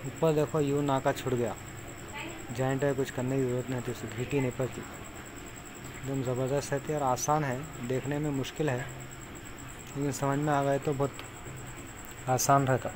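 A man with a medium-pitched, level voice speaks unhurriedly, leaving long pauses. He makes fishing tutorials and here casually explains step by step how to tie fishing hooks as he works, plain and instructive while tying knots. Insect noise can be heard clearly in the background.

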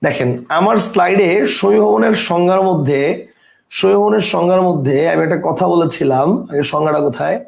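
A man teaching a grammar lesson, explaining step by step and often asking whether the point is clear. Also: sits high, fairly quick, roomy sound.

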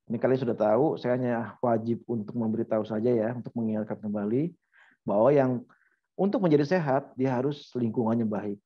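A man's voice: medium pitch, brisk, breathy edge. A middle-aged man giving an informal medical lecture, talking through examples and asking rhetorical questions. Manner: conversational, uses anecdotes and rhetorical questions. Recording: slightly dull lo-fi audio.

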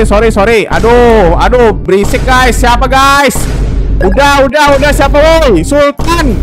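A man with a high voice chats casually through a live game stream. He keeps repeating his questions to chat and thanking viewers, while faint game music plays underneath.

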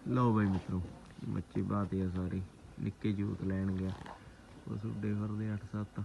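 A farm vlogger with a Punjabi accent chats outdoors on his farm in a lowish, mellow voice with vocal fry, little pitch movement, and a moderate pace. Informal and rustic, he keeps greeting viewers and calling them brothers, treating them as friends. Birds, animals, and rural noise fill the background.

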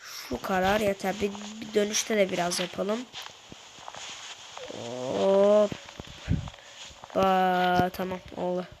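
A woman talks her viewers through a game in a chatty, casual way, slightly ill. Her voice sits at a middling pitch. A clear hiss of noise runs under the recording. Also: takes it slowly, long pauses. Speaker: gaming YouTuber. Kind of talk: casual gameplay commentary.

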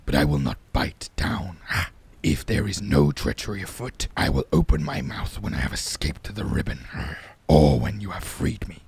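A huge, proud male wolf from a myth read aloud. His voice is cavernously deep and hoarse, full of rough crackle. He swoops up and down as he drags out his words with growled hums. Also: exaggerated voice. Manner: slow, menacing, drawn-out words with growled hums.

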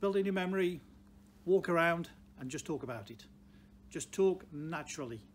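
An expressive, slightly high voice at a moderate pace belongs to a car dealer in his sixties from Stoke-on-Trent, England. With his Potteries accent, he gives plain, unscripted advice to camera and leans on emphatic repetition. The large indoor car showroom's ambience is clearly audible.

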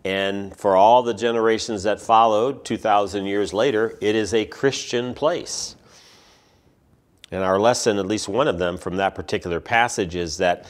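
A man, a pastor, giving a relaxed, conversational sermon. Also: on the low side.

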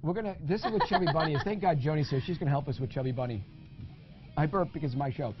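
A man hosting a casual party game, joking and energetic. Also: a little high, rapid-fire, muffled recording, over loud music. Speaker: host.

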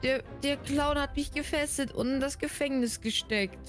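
A woman plays a shaken young boy with a high voice who talks fast and pleads for safety. His words come out anxious and breathless. Soft music sits beneath him. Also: steady tone, natural voice. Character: frightened young male friend Lumi.

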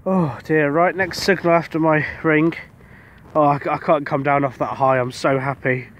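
A British man, a metal detectorist, giving casual commentary to the camera outdoors on a beach as he digs up each find and gets excited about it. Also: a little high, normal speed, highs cut off, slight background noise.

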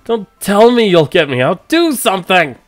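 A man voicing a greedy, reckless male thief in a game, excitable, exclaiming and pleading. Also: high voice, moderate pace, dry recording, faint music behind, pitched above the performer's own voice. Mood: panicked pleading. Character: greedy, reckless male thief who panics when trapped.

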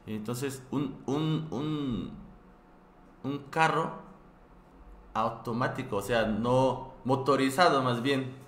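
A South Korean man teaches a live online language class in a mid-range, slightly bright voice, patiently saying each word slowly several times, with frequent restarts and fillers. The room is echoey, with faint background noise.

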